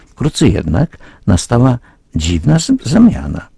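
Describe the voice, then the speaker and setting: A man reads a moral fable aloud in an earnest, measured way. His voice is dark and husky, and it has a rough edge. The recording is close and dry. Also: mid-range voice, sing-song, no echo. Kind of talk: slow, earnest moral storytelling.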